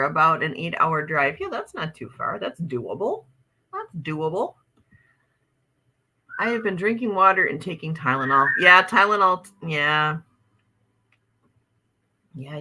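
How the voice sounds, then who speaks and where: On a low-quality recording, a livestream host from Wisconsin chats casually and reads out viewer comments with bubbly exclamations. Her voice is low-pitched, bright, and forceful, very animated yet a little slow, with long pauses and an Upper Midwest American accent.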